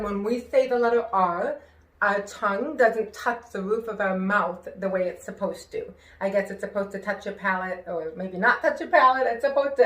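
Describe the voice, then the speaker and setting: This woman from New York, who sings and hosts a show, has a slightly high voice and hearing-impaired speech where r drifts toward w. Her personal, conversational talk is expressive and emphatic, with careful pronunciation and worked-on inflection, recorded in an echoey room.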